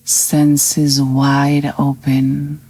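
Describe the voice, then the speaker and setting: A woman leads a scripted meditation in a low, husky voice, speaking very slowly and evenly with little rise or fall. She sounds calm and soothing and leaves long pauses between phrases.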